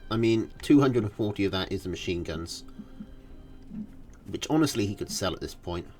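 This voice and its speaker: Casual lower-voiced male game caster. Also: lively intonation, moderate pace, a little mellow, soft background music. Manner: analytical, casual, thinking aloud with fillers. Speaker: tournament caster. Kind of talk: live game commentary.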